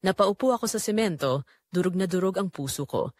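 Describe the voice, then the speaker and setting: A woman acts as a betrayed middle-aged wife and mother, narrating her own story for an audio drama. Her short, deliberate phrases swing widely in pitch, animated yet solemn and quietly bitter, with a numb, heartbroken mood. The recording is dry, with almost no room sound and no echo.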